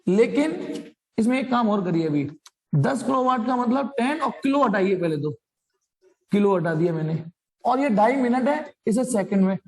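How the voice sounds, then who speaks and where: A man's voice: very high-pitched, darkish tone. A young man teaching physics, explaining a problem in a chatty, joking way, mixing in English phrases and imitating machine noises. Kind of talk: blackboard lesson explanation.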